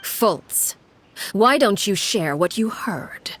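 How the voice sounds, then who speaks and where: A woman voicing a cold, imposing female head of household called Father in a video game, speaking in a measured, formal, menacing way. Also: medium pitch, lively intonation, fairly bright tone. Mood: stern, controlled. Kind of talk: scripted video game acting. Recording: clear background noise with clicks.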